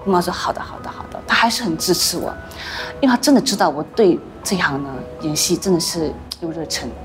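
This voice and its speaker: A woman actress, the guest in a podcast interview, telling stories with animated acted-out voices. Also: on the low side, a little fast, over music. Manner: animated storytelling, acts out quoted voices.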